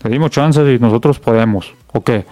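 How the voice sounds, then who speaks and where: A man's voice: medium pitch, a little fast, dark tone, dry recording. Man, co-host, playful slang, dry sound. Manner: slangy, playful, defensive of his team. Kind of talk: casual banter.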